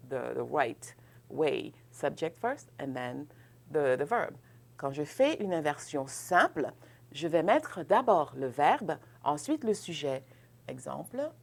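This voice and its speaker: A deep-voiced woman with vocal fry teaches French grammar, giving explanations in English. In this bilingual classroom lesson she models French questions with an exaggerated rise in pitch, laughs lightly, and frequently checks understanding with "ok?".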